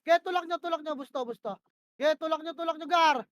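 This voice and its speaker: A woman's voice: extremely high pitch, quick pace, no room sound. A woman leading her team in a shooter match, barking short repeated commands and swearing when frustrated. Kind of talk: rapid in-game voice comms.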